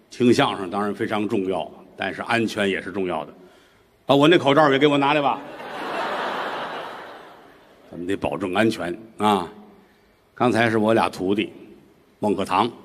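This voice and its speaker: A male comedian telling a story solo and bantering with the audience on a live stage. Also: fairly low pitch.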